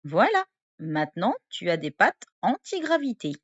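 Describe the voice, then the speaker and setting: A woman voicing a cheeky, excitable little male elf, exclaiming playfully as in a storybook read to a toddler. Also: mid-range voice, moderate pace, slightly rough, lo-fi sound. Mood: excited, confident.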